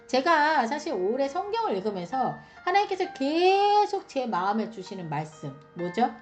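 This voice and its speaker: A woman teaching a Bible passage to her listeners in an animated way, asking them questions often and acting out the quoted voices. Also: moderate pace, faint music behind. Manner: acts out quoted voices with big pitch jumps. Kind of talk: Bible study talk.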